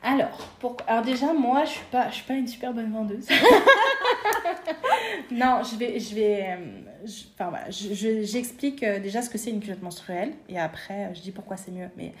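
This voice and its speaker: A woman talks casually as an interview guest, hesitating often with fillers and restarting her sentences. Her voice sits at an ordinary pitch. The room around her is echoey. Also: moderate pace. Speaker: guest, seamstress and designer.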